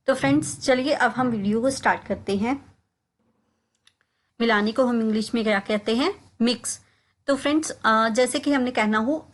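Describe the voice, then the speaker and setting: Higher-voiced woman teaching vocabulary. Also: low-quality recording. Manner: repeats each example phrase slowly; keeps calling the viewers friends. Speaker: language teacher. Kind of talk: vocabulary lesson.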